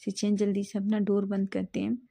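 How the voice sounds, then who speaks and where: A woman's voice: mid-range voice, monotone, fairly quick, creaky, dark tone. A woman narrating a fan-fiction romance in a casual storytelling way, often correcting herself mid-line. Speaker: story reader.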